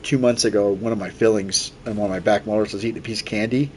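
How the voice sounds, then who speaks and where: A man's voice: fairly low pitch, quick pace, a little hiss or hum. A man in his forties chatting casually as a game streamer, rambling and retelling conversations by acting out both sides. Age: 40s. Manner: rambling, animated retelling with quoted dialogue and swearing. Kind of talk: casual chat while playing a video game.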